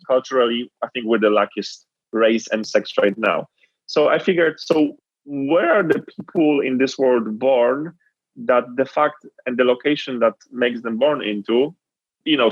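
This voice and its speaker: A Polish man with a Polish accent, appearing as an entrepreneur guest in an interview, tells his story in an earnest, reflective way. His voice is mid-range, and the recording is muffled but free of echo.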